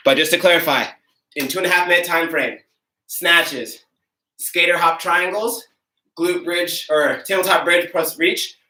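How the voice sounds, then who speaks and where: A man's voice: fairly high pitch, sharp tone. A young man coaching an online workout, out of breath as he explains and demonstrates the moves in an upbeat, casual way. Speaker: fitness coach. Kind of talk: live online workout instruction. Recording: roomy echo, from far off.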